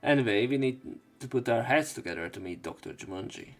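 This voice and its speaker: A man with a medium-pitched voice reads a visual novel aloud quickly and with lively intonation as a let's play narrator. He mixes the game text with casual, crude joking asides, while faint game music plays in the background.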